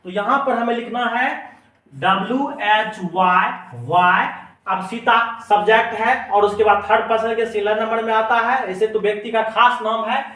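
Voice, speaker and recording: Male teacher, high voice, patient stepwise grammar lesson, distant mic in a roomy space. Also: fairly bright tone. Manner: slow, repeats each word while writing. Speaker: English teacher. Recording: echoey room, mic at a distance.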